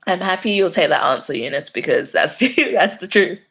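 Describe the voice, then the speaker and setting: A young London woman with a lowish, expressive voice talks a little fast on a live stream, her tone creaky and slightly bright. She chats casually in a London accent, laughing often as she reads and answers viewer comments over faint background noise.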